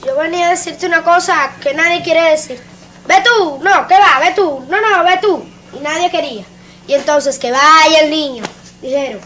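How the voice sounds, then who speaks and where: Una actriz interpreta a un niño vecino, inocente y parlanchín, que habla con tono infantil y juguetón. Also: female voice, sits high, moderate pace, sharp tone, slight background noise. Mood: childlike, sweet. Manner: childlike, playful, sing-song. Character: little boy neighbour, innocent, chatty.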